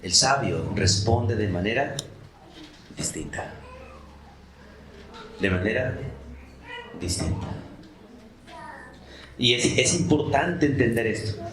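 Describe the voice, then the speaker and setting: A male pastor preaching a sermon, animated, asking the congregation questions and acting out short dialogues. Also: mid-range voice, slow pace, long pauses, roomy sound, crowd noise, low-quality recording. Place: church.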